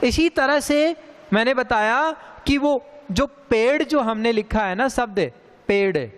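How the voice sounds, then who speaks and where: Slow, deliberate Hindi teacher, high voice. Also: male voice. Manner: slow, deliberate, repeats sounds for emphasis. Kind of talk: grammar lesson. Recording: long hall reverb.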